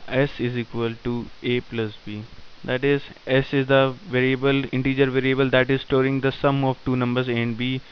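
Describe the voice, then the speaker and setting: A man teaching programming in a screen-recorded tutorial, dictating code in short halting phrases. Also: medium pitch, little pitch movement. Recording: dull lo-fi sound with faint hiss.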